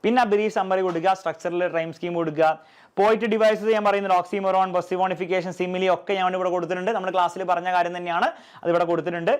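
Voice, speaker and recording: A high-pitched male teacher runs an exam revision lesson. He asks rhetorical questions, answers them himself, and keeps checking that his pupils have understood. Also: level tone, fast talker, clear, resonant tone.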